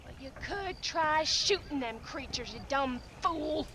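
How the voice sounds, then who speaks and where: A woman's voice: high voice, lively intonation, measured pace, a crowd in the background. An actress playing a bitter, sarcastic frontier wife who nags her husband in a video game. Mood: scolding. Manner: sarcastic, scolding. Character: bitter, shrill frontier wife, nagging and bigoted. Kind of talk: video game cutscene acting.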